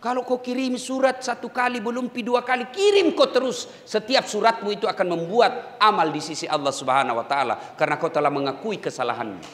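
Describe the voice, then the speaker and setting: A middle-aged man preaching a humorous sermon to prison inmates in Makassar-accented Indonesian, swinging between loud exhortation and low asides and acting out quoted voices. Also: fairly quick, few pauses. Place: large hall in a prison. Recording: echoey hall.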